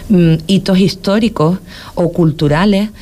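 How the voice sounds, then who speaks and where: On local radio, a Spanish woman with a warm voice on the low side speaks a little slowly. Her manner is casual and considered, with many restarts, repeated words, and tag questions.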